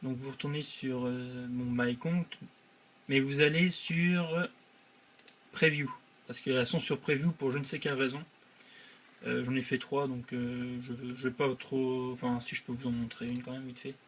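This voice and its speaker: A man's voice: medium pitch, steady tone, normal speed, a little hiss or hum. A young man hosting his channel, walking viewers through a website step by step with many hesitant filler sounds. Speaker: channel host. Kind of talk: screen-recorded software tutorial.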